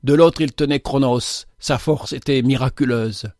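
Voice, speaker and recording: A man narrating a literary story in a measured, dramatic storytelling manner. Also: medium pitch, darkish tone, dry recording, studio quality.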